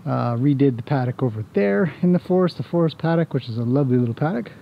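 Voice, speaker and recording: Walking outdoors on his wooded horse property, a man in his forties who hosts a vlog and owns a horse paddock rambles casually to the camera, explaining things in a relaxed, self-deprecating way. His medium-pitched voice is expressive and fast, and while the audio itself sounds dull, the outdoor ambience comes through clearly.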